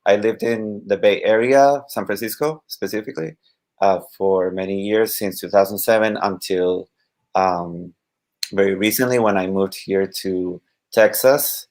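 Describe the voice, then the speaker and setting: A Spanish teacher in his thirties from Costa Rica, speaking with a Costa Rican accent, is a guest in a casual live-stream interview. He's halting, with many fillers and restarts, and his voice is on the low side with a darkish tone.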